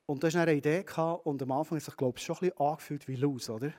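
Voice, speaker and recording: A man's voice: fairly high pitch, very fast, a little mellow. A man with a Swiss German accent preaching a sermon in a conversational way, speaking straight to his listeners. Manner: conversational, addresses listeners directly.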